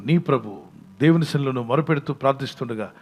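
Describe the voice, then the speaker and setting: A pastor preaching a sermon and leading prayer, swinging between soft and emphatic passages. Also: male voice, medium pitch, racing.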